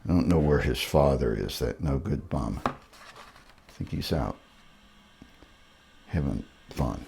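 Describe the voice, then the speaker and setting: A man's voice: a bass voice, expressive, slow pace, creaky, darkish tone, a little hiss or hum. An older man reading a storybook aloud to children, with wry joking asides between the lines.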